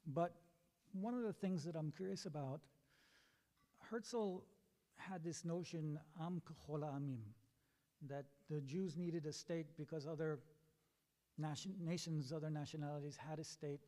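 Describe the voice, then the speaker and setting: A man moderating a community panel from the bima, relaxed and joking. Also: on the high side, unhurried. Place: synagogue sanctuary. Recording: long hall reverb.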